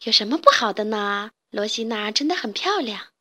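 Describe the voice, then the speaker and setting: A sensible little hen girl from a storybook, as a woman reading puts her on. She explains things calmly and kindly in a high, bright voice. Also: moderate pace. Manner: calm, explaining.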